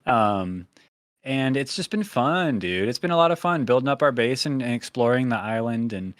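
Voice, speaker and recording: A man hosting a podcast in casual chat, rambling with lots of fillers and getting animated when he tells a story. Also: mid-range voice, normal speed, no echo, clean studio sound. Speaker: podcast host.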